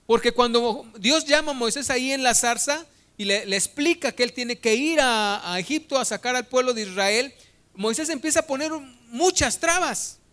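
A man's voice: extremely high pitch, normal speed, sharp tone. A man preaching a sermon, retelling a Bible story in a conversational, humorous way.

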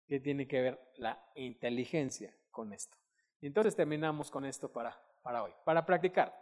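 A middle-aged man preaching a sermon, animated, acting out quotes and breaking into loud shouted bursts. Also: a little high. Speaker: pastor. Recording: long hall reverb.

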